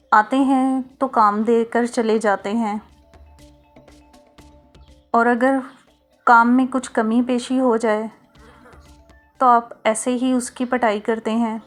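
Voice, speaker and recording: A woman reading a storybook aloud in a slow, even way. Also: fairly high pitch. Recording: soft music underneath.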